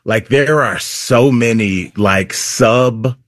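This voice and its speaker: A man's voice: medium pitch, slow pace, fairly bright tone, no room sound, clean studio sound. A man, a comedian guesting on a talk show, telling stories in a loose rambling way full of fillers. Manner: rambling, filler-heavy storytelling. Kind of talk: casual talk show chat.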